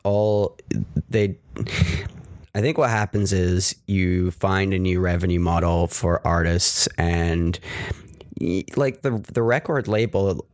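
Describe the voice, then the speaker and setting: This New York tech podcast co-host has a low, slow, somewhat dark voice, captured at studio quality with no echo through a close, pop-filtered mic. He keeps things casual, rambling, ranting and occasionally cursing.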